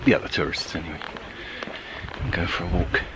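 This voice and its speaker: A man in his fifties with a deep voice chats to a handheld camera held at arm's length while out camping and walking. He talks in a relaxed, self-deprecating way, and the outdoor recording carries plenty of wind and ambient noise. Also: moderate pace. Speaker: vlogger. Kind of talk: casual outdoor vlog. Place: campsite and mountain lakeside outdoors, and inside a small tent.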